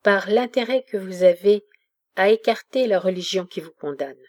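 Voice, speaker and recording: A woman's voice: medium pitch, expressive, moderate pace, no echo, clean studio sound, natural voice. A woman reading the lines of a zealous young daughter who pleads with vehemence. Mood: vehement. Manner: pleading, insistent.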